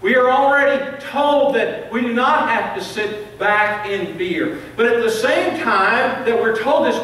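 Middle-aged man, pastor, earnest sermon delivery, high-ish voice, distant lectern mic in a very echoey church. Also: a bit bright. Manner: earnest preaching with rising emphasis and repeated restarts. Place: large church sanctuary, preaching at a lectern. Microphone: lectern microphone, filmed by a far camera. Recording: echoey sanctuary, distant mic, faint hiss.

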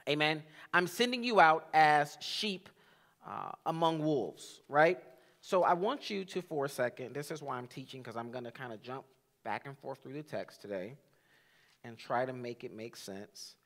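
A young man, a church pastor, teaching a sermon in a church sanctuary on a headset mic. He reads scripture slowly and says amen often. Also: medium pitch, a bit bright. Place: church sanctuary, drum kit behind.

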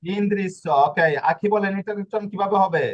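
A man's voice: high voice, fairly even intonation, fast talker, dull audio. A man teaching a language class online, explaining step by step and asking himself questions as he goes. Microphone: video call.

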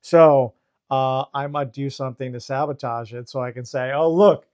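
A man, a therapist co-hosting a podcast, explaining calmly and mixing clinical terms with casual swearing. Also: medium pitch, moderate pace. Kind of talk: casual chat.

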